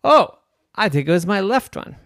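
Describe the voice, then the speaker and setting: A scared, confused little girl, as a man puts her on for a bedtime story, squeaky and flustered. Her voice leaps up and down and is recorded close and dry. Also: sing-song, normal speed, a bit bright, no echo, full character voice.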